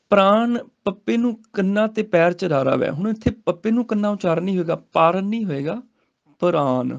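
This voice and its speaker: High, gravelly male scripture teacher. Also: a little mellow. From Punjab, India. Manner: deliberate and explanatory, stretches out the verses he recites. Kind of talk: pronunciation lesson with slow chanted recitation. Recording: dull lo-fi recording.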